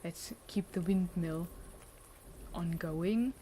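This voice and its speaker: A woman with a soft-toned, slightly low voice comments casually on a game. She speaks slowly, thinking aloud, with faint game ambience behind her. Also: slight background noise. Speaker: gamer commenting on play. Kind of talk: casual let's play commentary.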